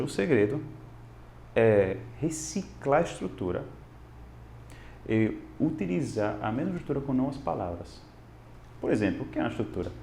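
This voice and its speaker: In a casual video lesson, a man teaches English while speaking Portuguese, which isn't his first language, and drops in English examples. He's animated and expressive, switching between the languages, with a creaky medium-pitched voice. The recording has a roomy sound and a little hiss or hum.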